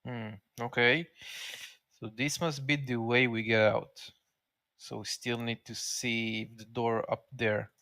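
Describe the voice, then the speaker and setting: A man with a medium-pitched voice talks casually as a tabletop game player. His sound is dry, with no room on it. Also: flat delivery, measured pace, pushed and bright, no room sound.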